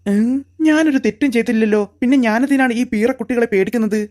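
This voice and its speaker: A woman voicing a jumpy grown cartoon man who moves between whiny panic and gruff threats. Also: a little high, fast, a little mellow, lightly acted. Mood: threatening.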